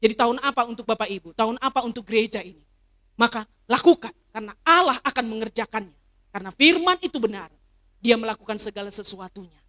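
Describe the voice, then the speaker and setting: A middle-aged woman pastor preaching a sermon, swinging from loud emphatic declarations to soft personal stories. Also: on the high side, fast. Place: church service.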